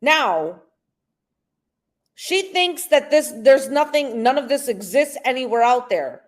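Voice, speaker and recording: A woman livestreaming, ranting angrily, yelling and swearing. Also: sits high, animated, slow, slight background noise. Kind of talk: livestream rant.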